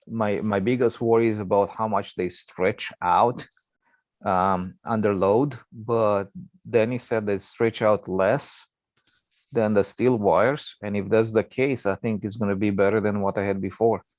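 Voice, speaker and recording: Man, slightly deep voice, hangout guest, casual, tentative, explanatory. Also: fairly even intonation, a little slow, darkish tone, no echo. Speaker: hobbyist guest on a video hangout. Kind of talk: casual technical chat.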